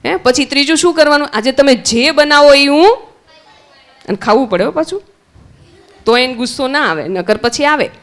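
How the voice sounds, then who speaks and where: A woman's voice: sits high, expressive, moderate pace, pauses often, a bit bright. A woman with a Gujarati accent, teaching young children at a summer camp, asking them questions and answering them herself. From Gujarat, India.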